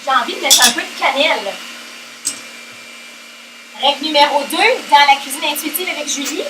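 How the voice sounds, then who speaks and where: An electric hand mixer whirs loudly in an echoey home kitchen as a woman with a Québécois French accent runs a playful cooking vlog, full of jokes, English words and little sung chants. Her voice is high-pitched, recorded from a distance, at a moderate pace.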